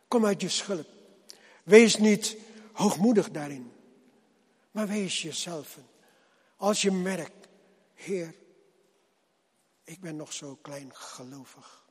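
A man preaching a sermon to his congregation, slow and husky, his voice swelling loud and then dropping low as he calls them to come. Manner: slow, swelling and dropping loudness with repeated appeals. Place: church hall. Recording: long reverb of a church hall.

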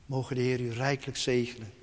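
A man preaching a sermon to his congregation, slow and emphatic, falling to soft, hushed tones. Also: medium pitch, little pitch movement, big-room sound.

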